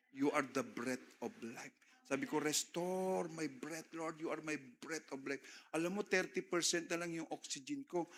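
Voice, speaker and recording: A man's voice: on the high side, fairly bright tone. A middle-aged man with a Filipino accent, preaching a sermon and mixing Tagalog and English, with call-and-response asides to the congregation. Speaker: pastor.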